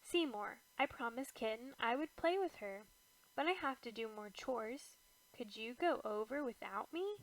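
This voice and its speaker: A woman's voice: a little high, animated, measured pace, poor audio. A woman voicing an eager young boy cat in a children's storybook. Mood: coaxing. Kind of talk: children's storybook read-aloud.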